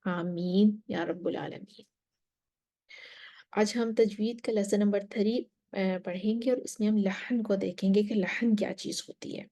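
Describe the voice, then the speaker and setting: In a religious lesson, a woman teaches Quran recitation at a slow, careful pace, weaving in Arabic recitation and occasional soft whispered comments. She speaks at medium pitch in a level tone.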